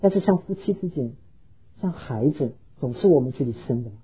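A male pastor preaching an earnest sermon to his congregation, telling stories and pausing on hesitant fillers. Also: mid-range voice, animated, breathy edge, lo-fi sound.

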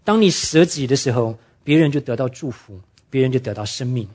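A man preaching a sermon, telling stories earnestly and slowing down to stress his main points. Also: medium pitch, lively intonation, a little mellow. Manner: earnest storytelling preacher, drops English words into speech; slows down and drops his voice to stress key points. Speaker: pastor.

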